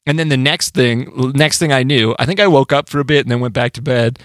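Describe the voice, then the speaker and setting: A man's voice: mid-range voice, fast talker, fairly bright tone, no room sound, clean studio sound. A man co-hosting a podcast and telling stories in casual chat, rambling and swearing with lots of filler words. He is a band musician. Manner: rambling storytelling with profanity and filler. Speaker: podcast co-host.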